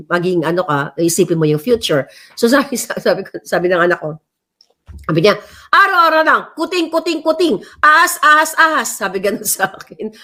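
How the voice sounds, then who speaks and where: A woman's voice: lowish voice, a bit bright. A middle-aged woman from the Philippines with a Filipino accent, vlogging rambling, impassioned political commentary and switching between English and Tagalog. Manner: impassioned, emphatic.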